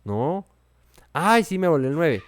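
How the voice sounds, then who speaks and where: Bible study teacher, man, clear voice sitting a little high, playful and chatty. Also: big pitch swings, unhurried. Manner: playful, acts out the characters' lines with comic voices.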